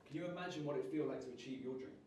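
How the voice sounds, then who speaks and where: A man, leading a lively public speaking workshop and raising and dropping his energy on purpose. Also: medium pitch, rapid-fire, slight background noise. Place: large room at a live workshop. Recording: roomy sound, voice from far off.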